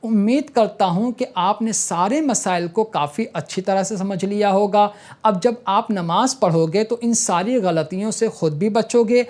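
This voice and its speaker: A man's voice: high-pitched, darkish tone. Male religious teacher, numbered rules, emphatic reminders to pay attention. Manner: explains point by point, checks in with repeated okay; emphatic reminders to listen carefully. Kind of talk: instructional lesson on prayer rules.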